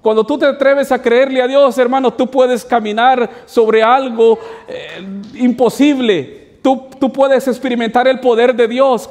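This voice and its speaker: Pastor guy preaching, really high voice, big echoey church hall. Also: darkish tone. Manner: preaching with repeated "hermanos" asides and rhetorical questions. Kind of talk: sermon. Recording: long hall reverb.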